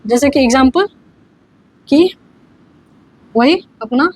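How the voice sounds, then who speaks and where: This young English grammar teacher speaks slowly in a high, expressive, slightly breathy voice, captured on a low-quality recording. During her informal online grammar lesson, she frequently checks in with students and spells out examples word by word.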